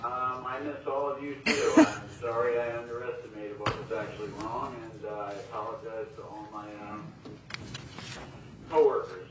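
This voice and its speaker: A man's voice: mid-range voice, steady tone, normal speed. A male council member talking casually and hesitantly to colleagues, heard through a speakerphone. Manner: hesitant, with many fillers. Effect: speakerphone played into the meeting room. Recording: echoey distant speakerphone with noise.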